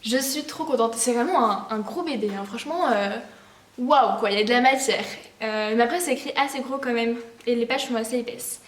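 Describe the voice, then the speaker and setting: A teenage girl vlogs about her presents in an excited, rambling way, full of fillers and false starts. Her voice sits a touch high. The room is echoey and she is some distance from the microphone. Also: fairly quick. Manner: bubbly, rambling, many fillers and restarts. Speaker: vlogger. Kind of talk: casual gift haul vlog.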